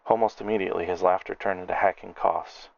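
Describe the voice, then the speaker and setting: A man's voice: low-pitched, steady tone, fast talker, creaky, highs cut off. A man narrating a fantasy audiobook in the first person, reading steadily and descriptively.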